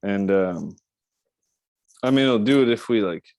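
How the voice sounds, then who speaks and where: A man's voice: fairly low pitch, a little slow, darkish tone, no room sound. Profane young man, dry close mic. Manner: loose, profane, riffing with put-on voices and bursts of laughter. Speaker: podcast host. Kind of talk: casual podcast chat.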